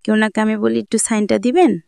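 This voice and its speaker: A young guest speaks about her life in a colloquial Dhaka-area Bangladeshi Bengali accent, plain, repetitive and meandering. Her mid-range voice is steady, a little fast and a little mellow with vocal fry, recorded dry in a clean studio.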